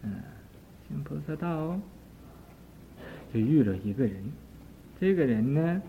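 An older man, a Buddhist teacher, telling a story in a leisurely dharma talk with many drawn-out interjections. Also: fairly high pitch, expressive, slight background noise. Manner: leisurely, repetitive, full of drawn-out interjections, acting out the story's voices. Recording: tinny lo-fi archive tape.

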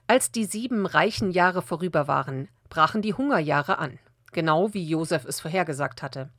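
A woman reading a Bible passage aloud as a measured audiobook narration, slowing down for the quoted speech. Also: low-pitched, expressive, a bit bright, no room sound, studio quality. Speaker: Bible reader.

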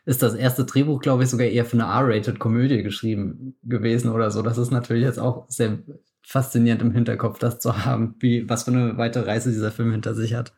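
A man's voice: mid-range voice, flat delivery, brisk, a little mellow. A man co-hosting a podcast, musing at length about a film with frequent laughs and restarts. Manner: thoughtful, rambling, laughs often. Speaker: podcast co-host. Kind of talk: casual film discussion.

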